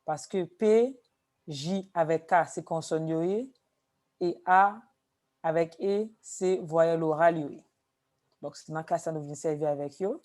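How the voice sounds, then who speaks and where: A woman teaching a language class, explaining slowly with repeated examples. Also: sits low, darkish tone. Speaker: Haitian Creole teacher.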